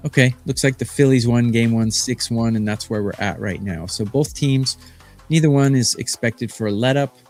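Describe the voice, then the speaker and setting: A man's voice: mid-range voice, moderate pace, a little mellow, faint music behind. A man in his fifties from Arizona, a sports betting handicapper talking on a live stream in a boastful, rambling way with lots of fillers. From Phoenix, Arizona. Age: 50s.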